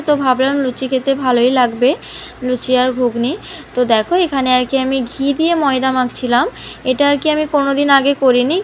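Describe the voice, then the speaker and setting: A woman's voice: high voice, a little hiss or hum, low-quality recording. A young woman narrating a casual home vlog, chatty, with many filler phrases. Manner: hushed, soft talk so as not to wake the baby. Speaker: vlogger.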